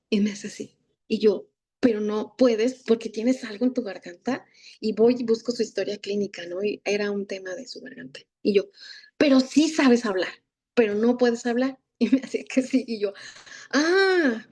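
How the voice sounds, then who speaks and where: Warm-toned and fairly high-pitched, a Mexican woman tells stories in a thanatology masterclass. She voices the dialogue of the characters and leans on tag questions.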